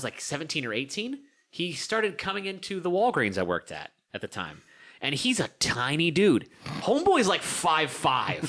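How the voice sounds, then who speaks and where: Lively, bright-voiced young guy telling stories. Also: mid-range voice. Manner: animated, swearing, acts out voices in stories. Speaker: podcast co-host. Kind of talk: casual storytelling chat.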